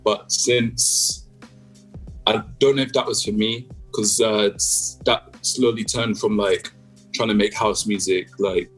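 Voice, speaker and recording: Faint music sits behind a young adult man from the UK whose voice is on the low side, steady and a bit bright, and he takes his time speaking. Laid-back and filler-heavy, he's a guest musician chatting in a casual video-call interview.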